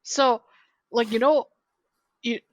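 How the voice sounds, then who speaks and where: A young woman appears as a guest on a podcast, chatting casually and rambling, filling her talk with "like." Her voice is a little high and steady, slow-paced, in a dry recording.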